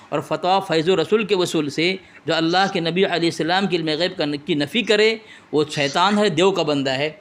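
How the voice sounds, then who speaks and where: On a phone call, a man interviews someone and debates religion, pressing his questions insistently and quoting from books and scripture. His voice is high-pitched and a bit bright.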